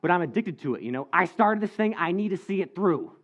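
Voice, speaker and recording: A teenage boy performing a stand-up comedy story as an animated storyteller who acts out the dialogue. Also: sits high, fast. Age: teens. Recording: dull lo-fi recording.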